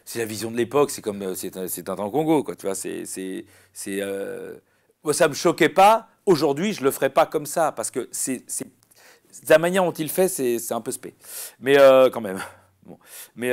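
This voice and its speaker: A man, a comedian chatting in an interview, rambling and animated with many restarts. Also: medium pitch, vocal fry. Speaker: comedian guest. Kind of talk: casual interview chat.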